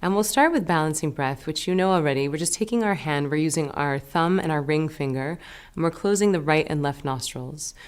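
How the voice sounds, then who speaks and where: A woman teacher guides a meditation, her gentle instructions unhurried and separated by pauses. Her low voice has a clear, resonant tone.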